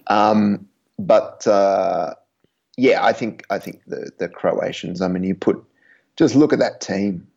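Creaky, husky man chatting about sport. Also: on the low side, slow, darkish tone, muffled recording. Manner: rambling, hesitant, laughs often. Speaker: podcast co-host. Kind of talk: casual sports chat.

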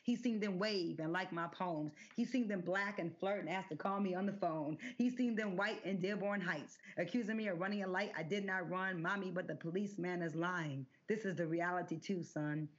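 Slow, rhythmic woman performing spoken word. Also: fairly low pitch. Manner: rhythmic, deliberate, incantatory delivery. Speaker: poet and guest. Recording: dull lo-fi sound.

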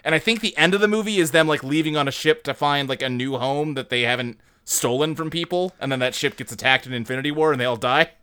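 Male podcast co-host, animated and rambling, with a sharp, clean tone. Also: on the high side, fast, hardly any pauses, clean tone. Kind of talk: casual movie discussion.

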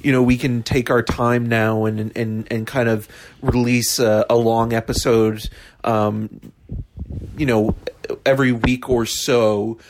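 A man's voice: medium pitch, flat delivery, a little slow, slight background noise. A man in his early thirties chatting casually as a podcast co-host, easygoing and rambling, on a cheap phone mic that pops. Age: 30s. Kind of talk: casual chat. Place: bedroom in a house. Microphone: handheld iPhone mic.

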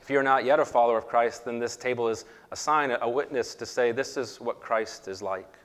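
A pastor leading an Easter communion liturgy, speaking in a measured, earnest way, with a long cathedral-like echo around his voice. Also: mid-range voice, a bit bright. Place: church sanctuary. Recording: long reverb in a large church hall.

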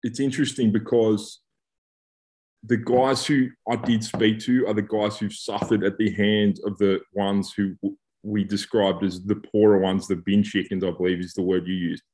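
Blokey man with a lowish voice. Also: flat delivery, normal speed, darkish tone. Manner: blokey, joking, slangy. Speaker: podcast co-host, rugby player turned coach. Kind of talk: casual podcast chat.

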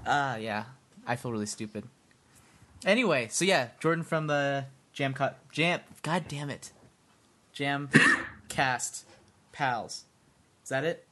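Male podcast host, casual rambling chat, mid pitch, self-deprecating. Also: slow pace, long pauses, sharp tone.

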